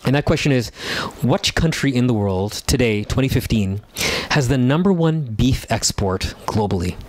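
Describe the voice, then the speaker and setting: A Canadian doctor in his thirties, lecturing earnestly with a slight put-on Indian lilt and frequent pauses. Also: medium pitch, expressive. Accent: Canadian English with a put-on Indian lilt. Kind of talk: recorded slide presentation.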